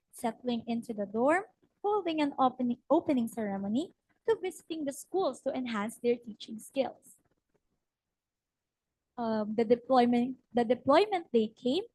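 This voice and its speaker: A young woman tells a short story-style presentation at a ceremony, her somewhat high voice husky and strained. She pauses often with fillers as she goes. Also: a little mellow, dry recording, low-quality recording. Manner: hesitant with frequent fillers. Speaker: student practice teacher presenting. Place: ceremony hall.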